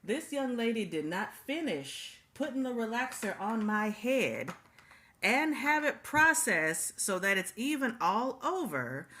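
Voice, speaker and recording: Speaking straight to her audience, a vlogger shares a personal story in a casual, emphatic way, echoing key phrases for impact. Her voice is medium-pitched and fairly bright, with slight background noise.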